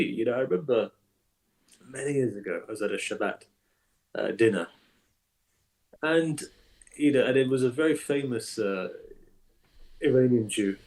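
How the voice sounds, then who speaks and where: In a conversational interview, an imam speaking as the guest is animated and emphatic, often repeating words as a point takes shape. His voice is in the mid range.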